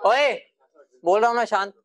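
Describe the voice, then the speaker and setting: A man teaching a chemistry class, casual and repetitive, often telling students to be quiet. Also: high voice, normal speed, a faint crowd. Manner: chatty, repeats himself, hushes the class. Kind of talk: classroom lecture.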